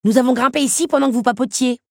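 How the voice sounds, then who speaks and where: A woman voicing a clever male beetle who explains what he did in a brisk, lively way. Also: high-pitched, vocal fry, no room sound, clean studio sound, voice pushed up. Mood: pleased.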